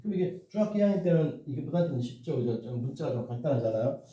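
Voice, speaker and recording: This man gives a casual explanatory math lesson, rambling, self-deprecating and often checking in with his listeners, with "이렇게" and "그죠?" recurring. His medium-pitched, dark voice is animated and quick, and the distant mic makes it echoey and dull.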